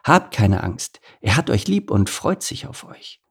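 A man's voice: lowish voice, very animated, unhurried, vocal fry, husky, heavily acted. A man voicing a bossy but caring lioness mother in an audiobook story. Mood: calm. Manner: scolding, commanding.

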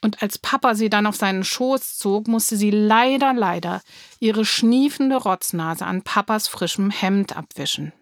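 A woman's voice: mid-range voice, a little slow, dry recording, clean studio sound. Woman reading a children's story. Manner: lively expressive storytelling. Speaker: narrator. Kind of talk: reading a children's book aloud.

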